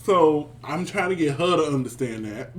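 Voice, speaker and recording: A man in his thirties co-hosting a casual review chat, sassy and animated, calling people "honey.". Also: fairly high pitch, measured pace. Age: 30s. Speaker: podcast co-host.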